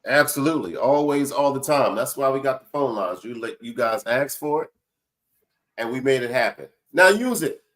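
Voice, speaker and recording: A man's voice: medium pitch, animated, moderate pace, fairly bright tone. A man co-hosting a casual talk show, agreeable and backing up the host.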